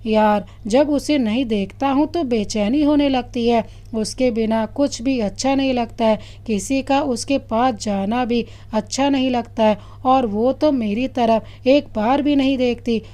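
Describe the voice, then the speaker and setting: A hot-tempered young college man with a bossy, threatening way of talking, put on by a woman reading the story. The voice sits fairly high. He sounds like a storybook figure read aloud. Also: a little slow, hardly any pauses, warm tone, close to an everyday voice. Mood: wistful.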